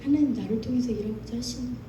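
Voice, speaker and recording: A woman's voice: a little high, rapid-fire, muffled recording, noisy background. A woman preacher delivering an impassioned sermon, acting out quoted voices as she goes. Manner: impassioned, acts out quoted voices of God and youth. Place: church sanctuary. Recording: echoey hall, mic at a distance, music behind.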